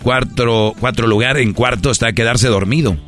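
A man's voice: mid-range voice, fairly bright tone, soft background music. A man with a Mexican accent hosting a comedy game show, mocking contestants as he reads the answers. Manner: mocking, brisk. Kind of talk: reading out game results.

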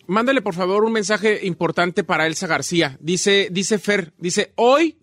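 A man with a fairly high voice reads listener messages on a radio show. He keeps a relaxed, easy pace alongside his co-hosts. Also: normal speed, no room sound, studio quality. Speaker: radio co-host reading messages. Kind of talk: casual radio banter.

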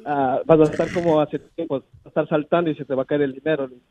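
A man's voice: fairly high pitch, steady tone, fast talker, mellow, a little hiss or hum. A man calling in to a radio show, cheeky and sarcastic. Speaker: caller. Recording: muffled phone line.

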